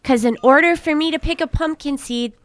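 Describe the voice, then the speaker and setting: A woman's voice: high voice, fairly quick. A woman co-hosting a playful radio call-in giveaway, talking cheerfully with callers in a sing-song way. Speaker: radio show co-host. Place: radio studio.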